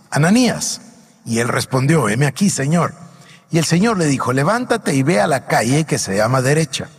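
A man preaching a sermon, reading scripture aloud and pausing to ask the congregation emphatic questions. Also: medium pitch, breathy edge, long reverb tail. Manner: reads Bible passages aloud then comments with emphatic questions to the congregation.

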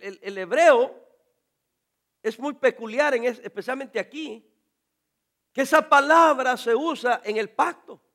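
High-voiced preaching man. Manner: animated preaching, addresses congregation directly, sudden shouts. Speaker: pastor. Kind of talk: sermon.

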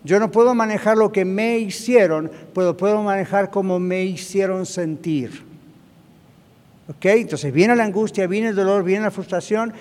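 A man's voice: high-pitched, moderate pace, a little mellow. A man preaching a sermon, emphatic, often checking in with his congregation with short tag questions. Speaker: pastor. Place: church hall. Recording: reverberant hall.

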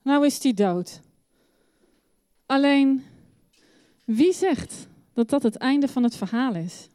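Expressive woman storyteller for kids in church, bright-pitched and close. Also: slow pace, dry recording. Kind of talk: Bible story told to children.

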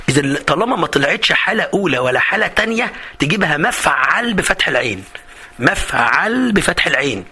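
A man with an Egyptian accent teaching an exam review lesson in a lively, chatty way, acting out student questions. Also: fairly high pitch, breathy edge. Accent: Egyptian Arabic. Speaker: Arabic teacher.

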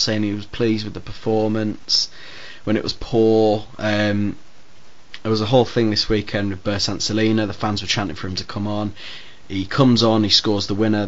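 A man's voice: on the low side, level tone, normal speed. A man hosting a podcast, chatting casually and airing his opinions with easy laughter. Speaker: podcast host. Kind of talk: casual chat. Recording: dull lo-fi podcast audio.

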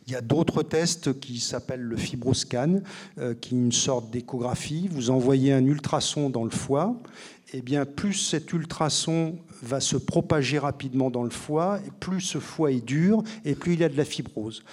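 A man's voice: mid-range voice, moderate pace, darkish tone. A male doctor and author explaining things in an interview, in a didactic tone with frequent hesitations. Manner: didactic, many fillers and restarts.

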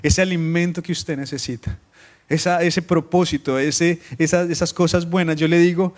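A male pastor delivers a sermon in a slightly high voice. He reads scripture with loud emphasis, then drops to soft, joking asides to the congregation. He sounds lively and informal from the pulpit. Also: normal speed. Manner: lively, swings between loud scripture reading and quiet asides. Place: church meeting room, streamed live.

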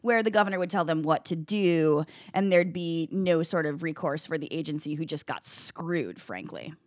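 A woman's voice: low voice, animated, moderate pace, darkish tone, dry recording, studio quality. A woman panelist in a political discussion, giving incredulous, critical commentary.

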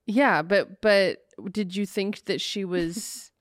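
A woman's voice: mid-range voice, steady tone, takes it slowly, no echo, clean studio sound. A woman in her thirties, a podcast guest chatting casually, blunt and jokey with free swearing. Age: 30s.

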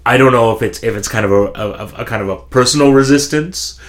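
A man hosting a podcast interview, asking long questions with many halting restarts and repeated words. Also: medium pitch. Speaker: podcast host. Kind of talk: conversational interview.

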